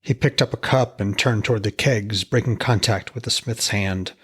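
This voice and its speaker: Male storyteller for ancient myth: grave scripted narration, low-pitched and husky. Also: moderate pace, fairly bright tone. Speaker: podcast narrator.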